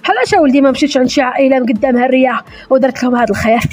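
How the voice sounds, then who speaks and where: A prying older mother who fires off rapid, reproachful questions at her son. Her voice is high and her pace quick, and she keeps up the nagging in a comedy sketch. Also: darkish tone.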